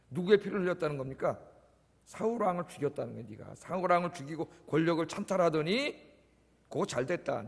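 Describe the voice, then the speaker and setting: High-voiced pastor guy preaching, chatty style, echoey church hall. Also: gravelly, slightly rough. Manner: conversational preaching, often prompting the congregation with "예?". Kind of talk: sermon. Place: church service.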